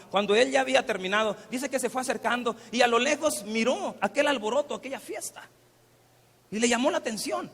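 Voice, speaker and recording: A male pastor preaches in a conversational, storytelling way. His voice is strikingly high, bright and gravelly, with a husky grain. It rings with the long reverb of a church hall. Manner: conversational storytelling with rhetorical questions. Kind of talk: sermon. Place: church sanctuary.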